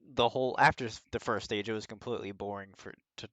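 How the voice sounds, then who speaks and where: A man co-hosting a podcast, rambling and animated as he talks about racing, with casual swearing. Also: fairly low pitch, quick pace, dry recording. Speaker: co-host.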